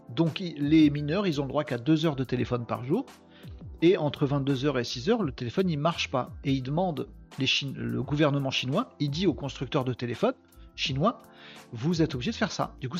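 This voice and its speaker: A man's voice: on the high side, creaky, dull audio. A man hosting a daily live web podcast, joking and interrupting himself while chatting with his audience. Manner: joking, self-interrupting, talks to chat. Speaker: podcast host. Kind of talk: casual live commentary on news.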